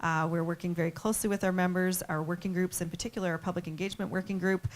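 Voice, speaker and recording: Lower-voiced woman giving a conference talk. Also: little pitch movement. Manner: frequent "uh" fillers, measured presenting. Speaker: panelist, communications manager. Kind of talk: conference presentation. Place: conference room.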